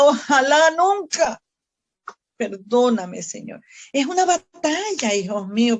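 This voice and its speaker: Fervent higher-voiced woman preaching. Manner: earnest, fervent preaching with prayers spoken aloud; addresses listeners directly with questions. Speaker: missionary. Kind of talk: Bible study teaching.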